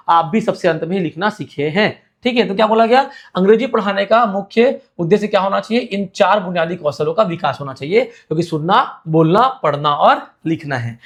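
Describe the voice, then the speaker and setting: A man teaching an exam-prep class in a fairly high voice. He walks through each point by asking a question and answering it himself, then says it again. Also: fairly bright tone.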